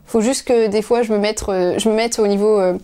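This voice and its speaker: A woman hosting a knitting podcast, talking to her viewers as if to friends. Her talk wanders, full of pauses and restarts. She sounds relaxed and unscripted, speaking from home. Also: medium pitch, a little hiss or hum. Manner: rambling, full of hesitations and restarts. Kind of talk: casual chat to viewers.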